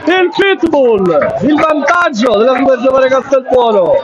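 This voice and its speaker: Breathless high-pitched man shouting goal commentary. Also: muffled recording. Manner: excited, drawn-out cries of scorers' names. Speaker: football match commentator. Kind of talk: live Italian goal commentary, breathless and shouted at big moments. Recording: loud stadium crowd noise behind. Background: loud football crowd.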